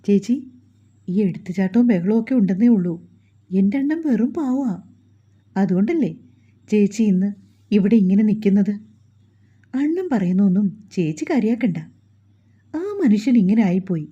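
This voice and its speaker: Woman voicing a cheerful young man, reassuring, mellow, breathy, muffled recording. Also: mid-range voice, lively intonation, normal speed, pauses often. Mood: teasing reassurance. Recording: dull lo-fi recording.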